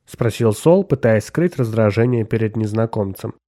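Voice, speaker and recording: A man narrating a story in a mellow, dark-toned voice, his pitch rising and falling with lively movement. He tells the story steadily and expressively, shifting his voice for each character. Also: moderate pace. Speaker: audiobook narrator. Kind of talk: scripted narration with voiced dialogue.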